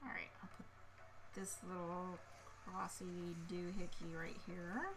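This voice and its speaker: Unhurried and level in tone, a woman with a lowish voice co-hosts a board game play-along stream. She chats casually while playing, muttering playfully as she thinks aloud and adding small vocal sound effects.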